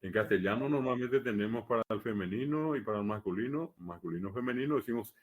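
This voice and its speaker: Low-voiced man lecturing. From Paraguay. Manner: measured and explanatory, with frequent hesitation fillers. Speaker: lecturer on the Guaraní language. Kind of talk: live academic lecture.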